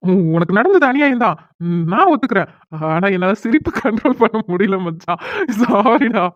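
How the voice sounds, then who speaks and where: A woman's voice: a little high, normal speed, dry recording. Mocking young best friend in a cartoon, woman voicing, tinny dry audio. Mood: gleeful teasing. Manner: mocking, amused, excitable. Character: teasing young male best friend, gleeful.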